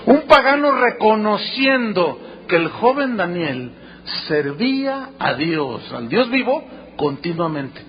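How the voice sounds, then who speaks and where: A man with a Mexican accent preaches in an animated, storytelling manner and acts out the speakers in the story. His voice sits high and he takes his time. The recording is dull and lo-fi, with a faint hum underneath. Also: slow. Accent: Mexican Spanish. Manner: animated storytelling, dramatic quoted dialogue. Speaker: pastor. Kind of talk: sermon.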